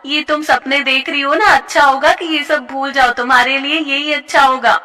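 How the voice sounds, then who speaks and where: A woman's voice: high voice, steady tone, normal speed, sharp tone, in a large hall, voice pushed up. A woman voicing a mean, mocking schoolgirl who taunts with scorn, in a cartoon story. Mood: taunting.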